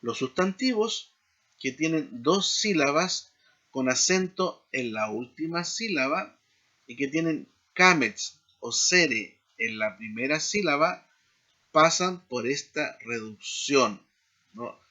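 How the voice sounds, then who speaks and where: A man teaching a seminary class in a slow explanatory lecture, often checking in with tag questions. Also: fairly high pitch, lively intonation, sharp tone, lo-fi sound. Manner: frequent tag questions, deliberate pacing.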